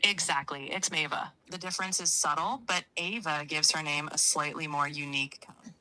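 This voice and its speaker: A calm, agreeable AI chatbot assistant, voiced by a woman, answering questions in an informative way. The voice sits low but sounds very bright and sharp. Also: normal speed, rough recording. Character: polite female AI chatbot assistant. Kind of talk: synthetic assistant voice.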